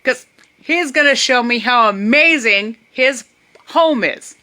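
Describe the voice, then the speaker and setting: Bright-voiced woman telling a funny story. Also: fairly high pitch, slow. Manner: animated, puts on voices for others. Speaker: vlogger. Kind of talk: casual storytelling.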